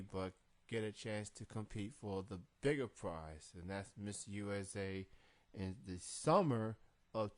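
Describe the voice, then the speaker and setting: A man hosting an unscripted interview in a halting manner with drawn-out pauses. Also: lowish voice, smooth. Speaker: interview show host. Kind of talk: unscripted radio-style interview.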